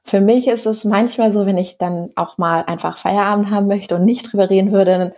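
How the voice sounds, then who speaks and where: A woman in her thirties, a founder being interviewed, talking in a relaxed, chatty way and sometimes searching for words. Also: medium pitch, fairly quick. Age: 30s. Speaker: startup founder guest. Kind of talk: casual interview.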